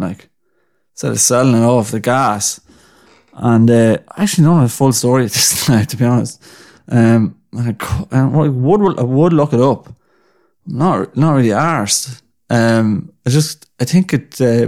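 A man's voice: medium pitch, a little mellow. A young Irish man hosting a podcast alone, rambling in a casual, mocking rant full of fillers. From Ireland. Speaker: podcast host.

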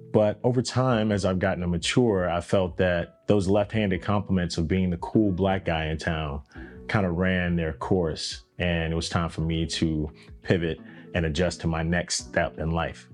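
A man's voice: deep voice, darkish tone. A young adult man hosting a podcast, telling his personal story in a conversational, reflective way. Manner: conversational, reflective, drawn-out emphasis. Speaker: podcast host.

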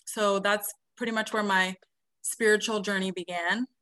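A woman in her thirties, raised in South America, answering interview questions softly with many hesitant ums. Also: medium pitch, steady tone, normal speed, dry recording. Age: 30s. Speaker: podcast guest, nurse.

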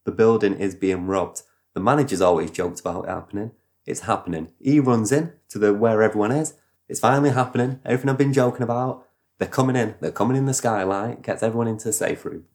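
A man retelling a story in casual podcast chat, animated and rambling, with sound effects. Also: on the low side, fast. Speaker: podcast host.

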